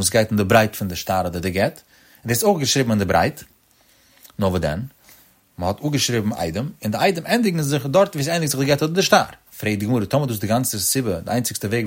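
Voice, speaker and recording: Man lecturing in a lilting sing-song. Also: lowish voice. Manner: addresses listeners directly as friends. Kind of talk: explanatory religious lecture.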